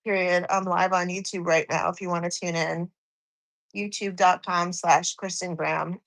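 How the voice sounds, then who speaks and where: A woman's voice: on the low side, little pitch movement, normal speed, vocal fry, fairly bright tone, poor audio. A woman in her forties, slightly out of breath from cardio, chatting on a live stream and reading viewers' comments aloud. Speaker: fitness streamer.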